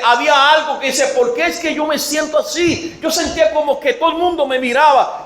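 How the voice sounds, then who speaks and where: Brief: Puerto Rican male evangelist, about 60, high-pitched testimony sermon, reverberant church sound. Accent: Puerto Rican Spanish. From Puerto Rico. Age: late 50s or 60. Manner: storytelling, rising to shouted emphasis. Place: church sanctuary. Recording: echoey church room.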